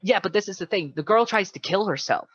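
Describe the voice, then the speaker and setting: A man co-hosting a casual chat about video games, retelling things in an animated way and acting out quotes. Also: high voice, quick pace, husky, no echo. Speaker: podcast co-host. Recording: dull, muffled lo-fi sound.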